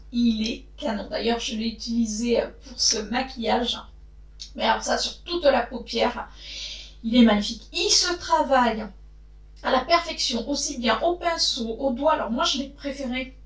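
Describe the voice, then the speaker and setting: A woman chatting casually to her viewers as she reviews makeup, often pausing to hesitate and talking straight to the camera. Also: high voice, roomy sound. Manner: chatty, frequent hesitations, addresses viewers directly. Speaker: beauty vlogger.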